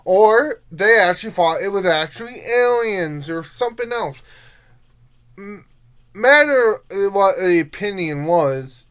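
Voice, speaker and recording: An amateur reviewer, a young adult with a mid-range and fairly bright voice, gives a casual review monologue. The delivery rambles informally, halting often and letting thoughts trail off.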